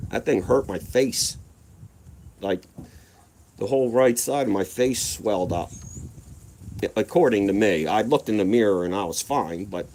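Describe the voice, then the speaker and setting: A laid-back man rambles through profane personal stories in a loose vlog monologue. His voice sits on the low side and his delivery is easygoing and unhurried. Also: a little mellow, a little hiss or hum. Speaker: vlogger. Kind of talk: casual storytelling monologue.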